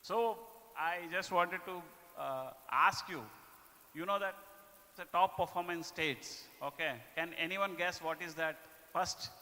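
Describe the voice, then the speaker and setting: A man with an Indian accent presents company results to staff in a very bright, forceful, sharp voice that sits rather high. His delivery is halting, with frequent check-in tags. The sound rings with the long reverb of a hall. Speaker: business presenter. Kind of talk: corporate performance presentation to staff.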